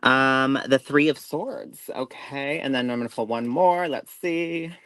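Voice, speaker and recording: A man's voice: mid-range voice, measured pace, a bit bright, smooth, dry recording, rough recording. A man co-hosting a live show, giving a tarot reading in a rambling, self-interrupting way with folksy reassurance. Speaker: tarot reader, co-host.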